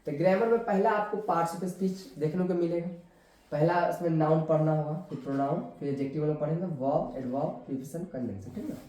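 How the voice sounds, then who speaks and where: A man's voice: on the high side, dark tone. A man teaching an English lesson, who keeps checking in with his students and asks and answers his own questions. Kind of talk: classroom lesson explaining grammar. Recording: very echoey room.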